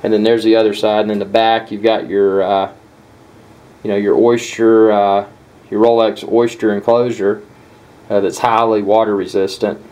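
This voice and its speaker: Man, somewhat low-pitched, casual product review, halting delivery, many filler pauses. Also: flat delivery, a little mellow, low-quality recording. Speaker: watch reviewer.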